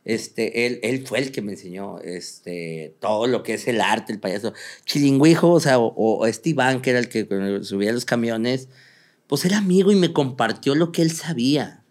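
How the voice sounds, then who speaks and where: A young man with a Mexican accent tells stories in a loose, slangy interview chat. He talks quickly and with a lot of energy. His voice sits at an ordinary middle pitch for a man. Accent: Mexican Spanish. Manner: fast-talking, animated storyteller, slangy. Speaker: comedian guest.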